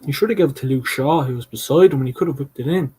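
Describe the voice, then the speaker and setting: A man's voice: medium pitch, rapid-fire, a little mellow, breathy edge, rough recording. A man hosting a fan watchalong, giving casual live match commentary, calling passes play by play with blunt, mocking remarks.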